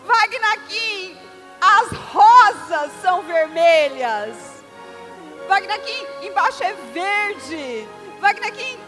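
A woman playing a demanding, dramatic wife in an amateur church skit, with a high, whiny, emotional way of talking. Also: sing-song, moderate pace, bright, forceful tone, soft background music, heavily acted. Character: demanding, dramatic young wife wanting roses.

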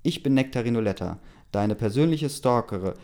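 A man voicing a flustered, nosy woman who calls herself a biographer, speaking indignantly and a bit louder. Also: mid-range voice, animated, normal speed, natural voice.

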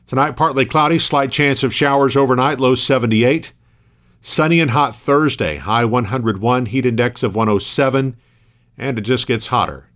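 A man hosting a local radio news program, reading scripted items in a measured, matter-of-fact way. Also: mid-range voice, fairly bright tone.

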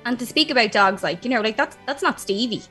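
Bright, chatty woman. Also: fairly high pitch, animated, fast, faint music behind. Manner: chatty, laughs often. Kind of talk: casual chat.

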